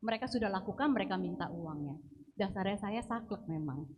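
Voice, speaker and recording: A woman telling a personal faith testimony, earnest and storytelling, moving between soft and lively passages. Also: medium pitch, fairly quick, breathy edge. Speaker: testimony speaker at prayer meeting.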